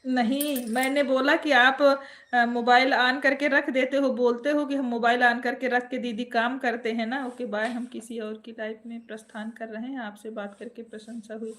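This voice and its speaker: A woman with an Awadhi accent chats casually on a phone live stream from home. Her voice sits a little high, and she teases her viewers playfully as she greets them one by one. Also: level tone, normal speed, a bit bright.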